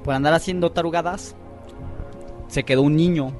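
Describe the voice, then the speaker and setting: On a podcast, a young Mexican host tells friends a spooky personal story in slangy, profane chat, animatedly voicing the quotes as he retells it. His voice is a little high at a moderate pace, with soft music in the background.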